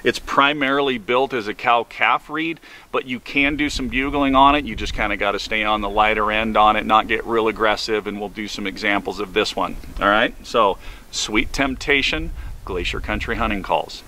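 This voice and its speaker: Bright-voiced man reviewing hunting gear. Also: fairly low pitch, normal speed, a little hiss or hum. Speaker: product reviewer of hunting calls. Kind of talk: casual instructional product review to camera.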